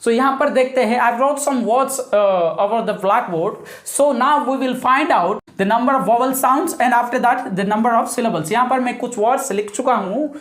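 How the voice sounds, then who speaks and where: A woman with an Indian accent teaching an English grammar class that mixes Hindi and English. She explains slowly, repeating each point and checking that her students have understood. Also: on the high side. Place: classroom with a blackboard. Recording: echoey room.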